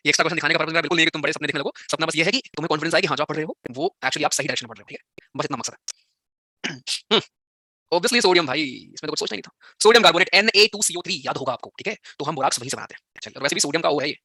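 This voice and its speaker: Fast-talking bright-voiced male teacher. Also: on the high side, dry recording, clean studio sound. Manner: teasing, scolds students by turns. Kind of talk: live online exam-prep class.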